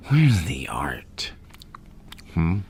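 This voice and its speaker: An actor playing a theatrical, menacing madman crime boss in an ASMR roleplay, mocking and drawn-out, often slipping into a whisper. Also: low voice, big pitch swings, a little mellow, a little hiss or hum, full character voice. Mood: mocking, sinister. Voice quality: gravelly.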